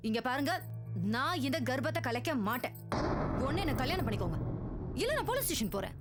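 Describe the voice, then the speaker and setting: A desperate young woman, jilted and pregnant, pressing hard for marriage. Her voice runs high and swoops widely as she talks fast and shrill. She pleads and insists without letting up. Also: very animated, loud music behind the voice. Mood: insistent, threatening. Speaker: pregnant lover demanding marriage.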